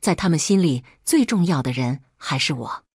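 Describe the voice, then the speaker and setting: A woman's voice: sits low, sing-song, normal speed, darkish tone, husky, dry recording, clean studio sound, full character voice. A woman voicing an arrogant, scheming young woman who taunts her sister. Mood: smug.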